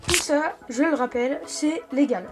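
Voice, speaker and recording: A woman hosting a step-by-step phone app tutorial, talking in a halting way and often correcting herself mid-sentence. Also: high-pitched. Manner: halting, self-correcting delivery. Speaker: tech tutorial host. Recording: background music under the voice. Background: music.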